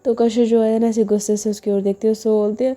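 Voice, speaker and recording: A woman's voice: a little high, little pitch movement, quick pace, mellow. A woman telling a love story in a chatty, casual way, with many fillers. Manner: chatty, repetitive narration with fillers. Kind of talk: casual spoken narration.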